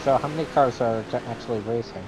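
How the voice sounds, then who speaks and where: A man's voice: mid-range voice, fast, over music, low-quality recording. A man chatting casually and jokingly in a group voice chat. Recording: clear engine noise behind voice.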